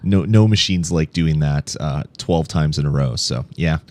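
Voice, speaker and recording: A man hosting a podcast in casual, joking chat, rambling and animated. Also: very deep voice, moderate pace. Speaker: podcast host.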